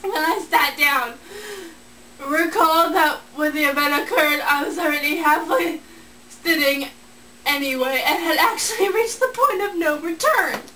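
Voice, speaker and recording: A young woman's high, pushed, bright voice comes through a little slow as she reads a funny story in her small bedroom, repeatedly dissolving into giggles. She's a young adult, recorded by a handheld camera a short distance away, giving distant sound and noticeable room noise.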